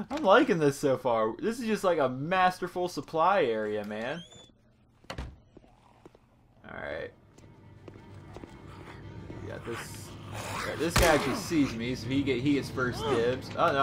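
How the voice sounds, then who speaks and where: A man giving casual let's play commentary over a zombie game, excitable and chatting to the enemies on screen. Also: fairly high pitch, slow, pauses often, over music. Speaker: gaming YouTuber. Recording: game sound loud behind the voice.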